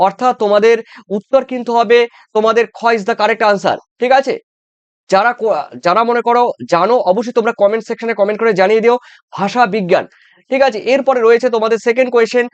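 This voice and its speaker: A man's voice: very high-pitched, clear, resonant tone, no echo. A man teaching an exam-prep lesson, repeating answers and often checking that students follow. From West Bengal. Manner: repetitive, coaxing with frequent check-ins and fillers. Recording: dull, dry lo-fi sound.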